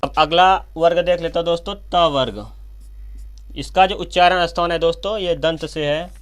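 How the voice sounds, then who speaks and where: A man giving a slow, repetitive whiteboard grammar lesson, often addressing viewers as friends and correcting himself mid-sentence. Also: a little high, smooth. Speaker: teacher.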